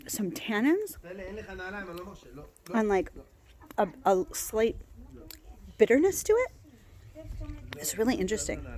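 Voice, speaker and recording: Guiding a relaxed plant walk through a garden, a woman speaks at medium pitch with a slightly mellow quality. The handheld phone recording catches her chatty, filler-heavy talk full of restarts, and Hebrew is not her first language.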